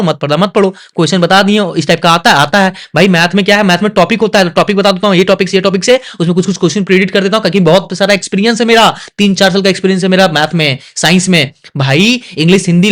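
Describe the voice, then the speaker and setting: A young man teaching an exam revision lesson, asking his students quick questions and coaxing and scolding them. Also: high voice, a bit bright. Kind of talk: casual online exam lesson.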